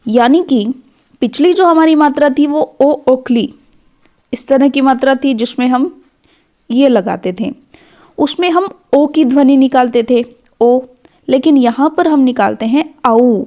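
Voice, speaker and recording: A woman leads a children's phonics lesson in an unhurried, patient way. She stretches each syllable and speaks gently to her young pupils. Her voice sits slightly high. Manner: slow, drawn-out syllable-by-syllable reading. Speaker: teacher.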